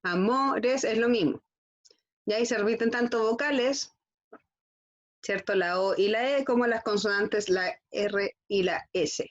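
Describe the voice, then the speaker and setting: A woman's voice: mid-range voice, a little slow. Woman teacher, slightly muffled. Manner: frequent checking "¿ya?" with students. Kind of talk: classroom lesson.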